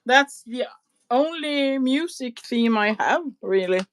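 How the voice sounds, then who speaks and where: A woman co-hosting a crafting livestream, agreeable and quick to laugh. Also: sits high, animated, noisy background. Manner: warm, agreeable, laughs often. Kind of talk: casual chat.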